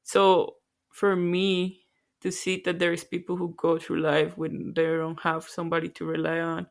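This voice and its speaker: A woman from Colombia co-hosts a casual podcast, speaking softly and reflectively with a self-deprecating touch. Her delivery stays flat and even, and her voice has a gravelly fry. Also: lowish voice, normal speed. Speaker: podcast co-host.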